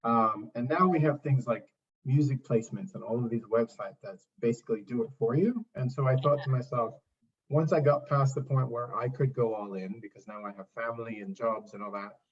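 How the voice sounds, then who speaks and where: A man's voice: medium pitch, a little fast, slightly rough, distant mic, muffled recording. A middle-aged man from Trinidad and Tobago, a singer-songwriter answering interview questions in a thoughtful, rambling, self-deprecating way. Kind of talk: relaxed interview talk.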